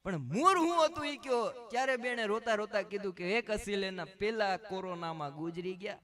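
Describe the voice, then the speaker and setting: Male comedian, high and bright voice, lively storytelling with quoted voices. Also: normal speed. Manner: animated joke-telling with quoted voices. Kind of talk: stand-up storytelling.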